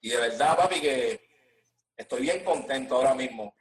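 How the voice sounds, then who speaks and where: A man's voice: medium pitch, expressive, moderate pace, reverberant, distant mic, lightly acted. A man putting on a fake Puerto Rican accent, playing a boastful artist in an interview, swaggering and slangy. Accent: put-on Puerto Rican. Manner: swaggering, slangy, laid-back.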